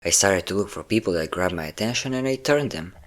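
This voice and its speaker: Smug and possessive, a man performs a vain, cruel vampire lover in a close, theatrical roleplay, lingering over words and sighing. His voice is low and expressive, running a little fast, and the character is obsessive to the core.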